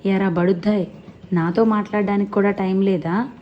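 A woman voicing a sharp-tongued old village grandmother who scolds nonstop, on a slightly dull recording with faint hiss. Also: mid-range voice, steady tone, moderate pace, natural voice. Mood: scolding. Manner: nonstop scolding, loud and forceful.

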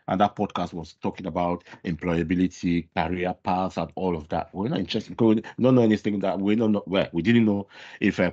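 A man giving a conference talk while he has a cold, speaking haltingly with many pauses and ums. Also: low voice. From Scotland. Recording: dull lo-fi conference recording.

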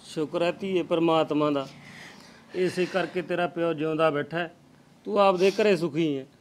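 Actor: aging father, poor and tender, gentle consoling tone, slightly high pitch. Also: steady tone, moderate pace, a little hiss or hum, close to an everyday voice.

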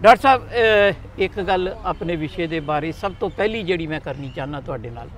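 A man's voice: a little high, lively intonation, brisk. A man with a Punjabi accent hosting a farm talk show, leading the interview and often checking in with his guest. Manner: leading, frequent "hai na" check-ins. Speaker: host.

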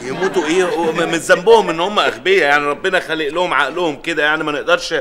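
A man acting an excitable, argumentative brother and father in a comedy sketch. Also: a little high, racing, crowd noise, lightly acted.

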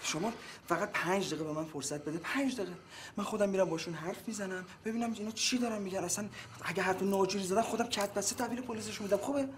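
An actor playing a calm, polite man trying to settle a quarrel in a TV sitcom, talking in a placating, reassuring way. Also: high-pitched, a little hiss or hum, lightly acted. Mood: soothing. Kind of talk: TV sitcom acting.

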